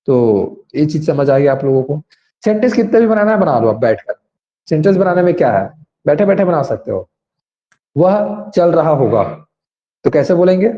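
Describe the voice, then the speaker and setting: A man's voice: mid-range voice, vocal fry, warm tone. Man teaching grammar, dull lo-fi sound. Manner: explains slowly, asks students to raise hands. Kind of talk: online class lesson.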